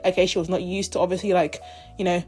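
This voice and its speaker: A 21-year-old woman from the United Kingdom and Zimbabwe rants casually in an opinion vlog, emphatic and indignant, imitating other people in quoted asides. Her fairly low, slightly mellow voice moves quickly with a flat delivery, and faint music plays behind her.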